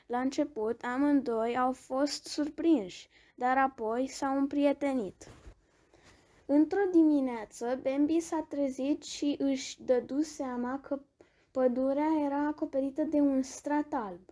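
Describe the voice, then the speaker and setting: A woman reading a bedtime story aloud, gentle and expressive, with small restarts. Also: high voice.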